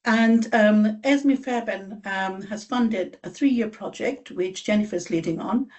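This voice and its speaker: A woman's voice: medium pitch, measured pace, darkish tone. A woman from Bangladesh presenting her organisation's work at a meeting over a video call. She speaks with many fillers and restarts. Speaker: charity staff presenter.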